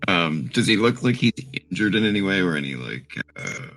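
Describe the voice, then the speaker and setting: A man's voice: low voice, very animated, a little fast, vocal fry, a bit bright. A man playing a tabletop role-playing game, chatting and speaking for his character. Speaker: player. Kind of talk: tabletop role-play chat.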